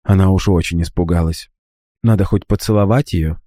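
A man's voice: fairly low pitch, big pitch swings, normal speed, warm tone, no echo, clean studio sound. A man voicing a cheeky, cold-blooded young street boy with a mocking, calculating manner, in an audiobook. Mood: cocky. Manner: cocky, mocking, coolly calculating.

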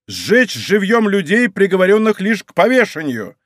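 A hot-tempered musketeer captain in his prime bellows commands with a high, ringing voice, as a male reader puts him on. The delivery is dry and close, straight out of a storybook reading. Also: very animated, moderate pace, no echo. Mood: furious commanding. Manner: commanding, thunderous shouting. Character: bold hot-tempered musketeer captain, middle-aged man.

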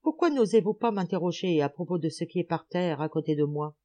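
A woman voicing a hulking, irritable man who shouts scornfully in an audiobook. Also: lowish voice, expressive, brisk, muffled recording, natural voice.

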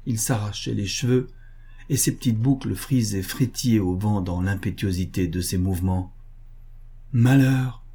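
A man narrating a classic story in a measured, even way. His voice sits low with a dark, mellow color and a slightly husky grain. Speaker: audiobook narrator. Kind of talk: scripted literary narration.

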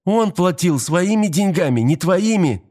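A man's voice: fairly low pitch, normal speed, gravelly, warm tone, breathy edge, heavily acted. A man doing a frightened young woman pleading. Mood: desperate.

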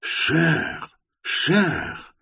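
A man doing a frail, gasping old gentleman. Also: on the low side, very slow, breathy edge, dry recording, studio quality, voice pushed up, exaggerated voice. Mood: faltering. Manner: faltering, breathless, sentimental. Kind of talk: audiobook character voice.

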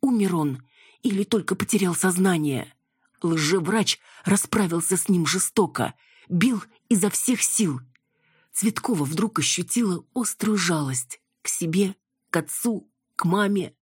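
Low husky woman narrator. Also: measured pace, no room sound, studio quality. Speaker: audiobook narrator. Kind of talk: scripted narration.

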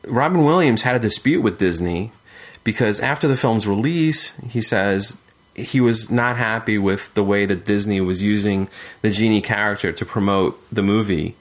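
Co-hosting a casual podcast about retro games, a man talks things over thoughtfully, often using fillers and restarting sentences. His voice is on the low side but a bit bright.

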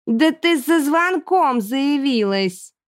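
A woman's voice: high-pitched, lively intonation, slow, dry recording, clean studio sound, voice pushed up. A woman reading an audiobook, voicing a grumpy, sarcastic student girl who scoffs and grumbles. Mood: grumbling.

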